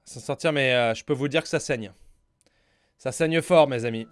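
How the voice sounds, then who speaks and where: A man's voice: medium pitch, normal speed, clean tone, faint music behind. A man chatting on a live stream, joking and teasing his viewers in a theatrical, mock-grandiose way. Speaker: streamer commenting a live game show. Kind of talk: casual live-stream chat.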